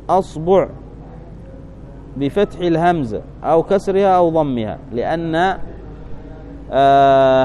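Guy teaching grammar class, fairly high voice, keeps asking "what?" then answering, bit of faint noise behind. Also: a little mellow, poor audio. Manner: asks the class questions and answers them himself; repeats key points, thinks aloud. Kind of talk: classroom grammar lesson, reading and explaining a text.

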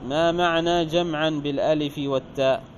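A male teacher reading a grammar text aloud and explaining it, asking the class questions and slowing down to stress example words. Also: fairly high pitch, steady tone, highs cut off, a little hiss or hum.

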